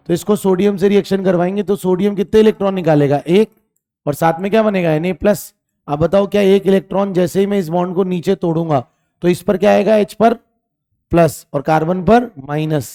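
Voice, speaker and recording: A man's voice: high-pitched, mellow. A man teaching chemistry in an online exam-prep class, asking questions, repeating them and scolding students for lazy answers.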